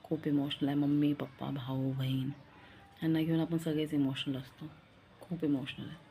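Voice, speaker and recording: Low, dark-voiced woman chatting casually. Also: level tone, normal speed, a little hiss or hum. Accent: Marathi. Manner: rambling, confiding, repeats herself. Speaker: vlogger. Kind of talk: casual vlog chat.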